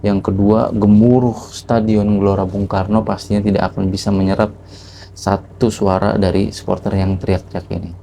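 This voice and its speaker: A man's voice: on the low side, level tone, normal speed, mellow, slight background noise. A man telling a reflective motivational story to the camera, asking rhetorical questions as he goes. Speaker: vlogger.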